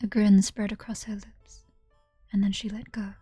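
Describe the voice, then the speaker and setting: Brief: woman streamer, hushed narration, mellow and breathy. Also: mid-range voice, flat delivery, normal speed, no echo, soft background music. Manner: soft, hushed, often whispered reading. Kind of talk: reading a visual novel's first-person narration.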